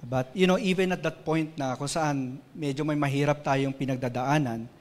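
A man's voice: on the high side, steady tone, moderate pace, darkish tone, a little hiss or hum. Earnest Filipino man preaching in a reverberant hall. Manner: earnest, personal storytelling, rising to emotional intensity. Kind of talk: sermon mixing Tagalog and English. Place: church hall.

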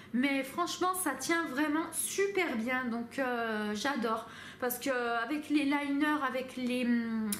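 A woman vlogger chats through a casual makeup review in a high, leisurely voice, full of hesitations and restarts. She sounds like she is recording in an echoey room at home. A faint hum of ambience sits behind her. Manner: hesitant, many fillers and restarts. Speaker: beauty vlogger.

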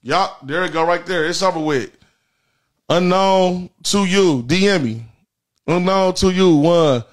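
In front of a printed backdrop in an indoor studio, an American man in his thirties hosts a comedy livestream, his high voice unhurried. The banter is laid-back, profane, slang-heavy, and repetitive.

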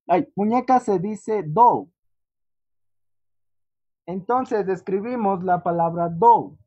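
Speaking over a computer mic on muffled, lo-fi audio, an English teacher guides an online class at an easy pace. The voice is medium in pitch, mellow and husky, and pauses to check in with a questioning "¿sí?".

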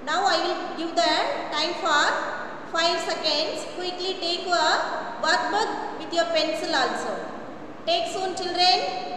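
A woman teacher speaks very slowly in an extremely high, bright voice. She drills young children with deliberate, sing-song repetition. She sounds far from the microphone in a reverberant classroom. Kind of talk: slow classroom phonics lesson with repetition. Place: classroom in front of a chalkboard, indoors. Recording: echoey room, distant mic, faint noise.

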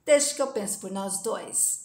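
A woman's voice: medium pitch, expressive, moderate pace, a little mellow, roomy sound, voice pushed down, close to an everyday voice. A woman reading the lines of a scheming, spiteful woman who sneers at others.

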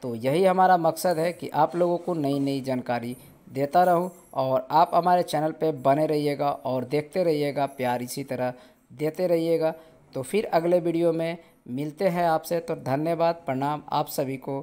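A man's voice: on the high side, unhurried, dark tone. Brief: young male plumber, plain step-by-step how-to talk, recorded on a phone in a bare room. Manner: plain step-by-step explaining while working. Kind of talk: how-to tutorial narration. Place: bare indoor room being fitted.

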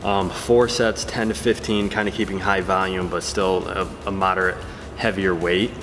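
Over music, a man in his thirties with a low-sitting voice gives easygoing workout tips at a normal pace, pausing between sets and using filler words. The trainer and vlogger is captured by his camera's onboard mic, set on a stand in an echoing gym hall.

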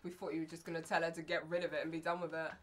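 A woman's voice: low voice, flat delivery, rapid-fire, natural voice. A young woman playing a brash, cheeky seventeen-year-old girl who talks in slang and teases.

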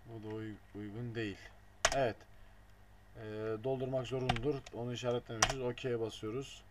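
A man's voice: medium pitch, fairly even intonation, fairly quick. A man giving a casual screen-recording tutorial, muttering along as he clicks and dropping blunt offhand jokes. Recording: noisy home recording with keyboard clicks. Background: keyboard and mouse clicks.

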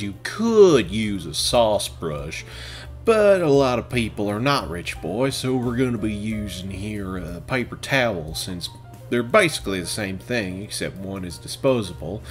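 A young man narrating a home cooking video as a voice-over, with deadpan asides and sudden bursts of exasperation. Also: lowish voice. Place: home kitchen.

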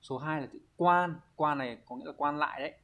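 A man's voice: a little high, fast talker, fairly bright tone. A man teaching a Japanese exam review lesson, patiently walking through each answer and often asking his students to confirm. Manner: patient, explanatory, frequent check-in questions.

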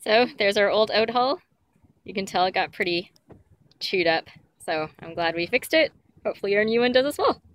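A young woman narrates a sailing vlog from a sailboat's deck, chatting casually and laughing often as she explains things. Her mid-range voice is expressive and fairly bright, at a normal speed. The outdoor camera audio is noisy, picking up the boat engine and the water.

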